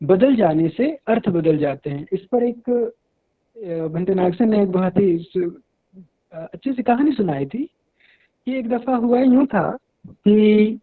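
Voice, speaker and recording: A man, a Buddhist monk, gives a measured, teacherly Dhamma talk with pauses and fillers. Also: sits high, narrow, tinny audio.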